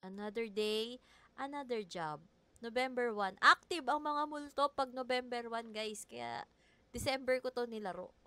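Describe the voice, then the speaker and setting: Slow-talking bright-voiced woman. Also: fairly high pitch, clear, resonant tone, no room sound. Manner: chatty, reads story text aloud, yelps when startled. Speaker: gaming streamer. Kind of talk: horror game let's play.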